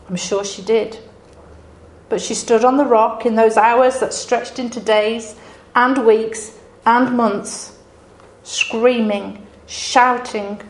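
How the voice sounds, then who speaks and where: A woman giving an earnest, reflective devotional Bible message in a dramatic storytelling manner. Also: a little high. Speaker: preacher. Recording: roomy echo.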